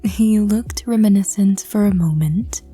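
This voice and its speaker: Hushed, dark-toned woman narrator. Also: mid-range voice, a little slow, soft background music. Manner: hushed, breathy, intimate second-person narration. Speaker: audio drama reader. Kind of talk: whispered role-play.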